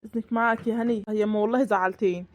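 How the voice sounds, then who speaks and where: A woman's voice: mid-range voice, fairly even intonation, very fast, natural voice. Woman playing a polite young village son-in-law. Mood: sympathetic. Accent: Upper Egyptian. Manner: polite, sympathetic.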